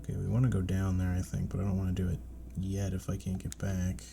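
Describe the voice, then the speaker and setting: A man's voice: low-pitched, completely flat delivery, quick pace, creaky, background noise. A man giving casual, laid-back let's play commentary, muttering asides to himself as he plays. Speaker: gaming streamer playing and commenting.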